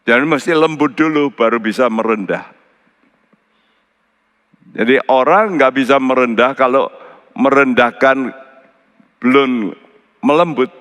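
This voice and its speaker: Animated preacher in a reverberant hall. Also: male voice. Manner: animated preaching with sudden high emphatic outbursts. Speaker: pastor. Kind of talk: sermon. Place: large church hall. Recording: church service with long hall reverb.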